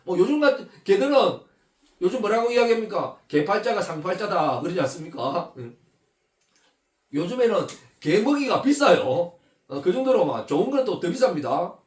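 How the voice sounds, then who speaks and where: Animated man preaching in an echoey church. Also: high-pitched, moderate pace. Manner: animated, rhetorical questions with frequent "예?" to congregation. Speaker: pastor. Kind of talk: sermon. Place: church sanctuary. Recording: echoey church hall, mic at a distance.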